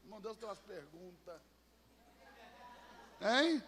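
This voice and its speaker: A pastor with a very high, bright, forceful voice. He preaches dramatically, dropping to quiet asides and then building to shouted peaks. His voice rings out with a long reverb in a large church hall. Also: lively intonation, slow, slightly rough. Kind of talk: impassioned sermon.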